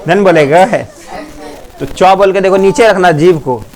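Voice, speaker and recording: A man's voice: high voice, a crowd in the background. A male teacher with a Bihari accent giving a classroom lesson, sounding out letters and quizzing his students. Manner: drills sounds slowly, quizzes students often. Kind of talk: classroom Hindi pronunciation lesson.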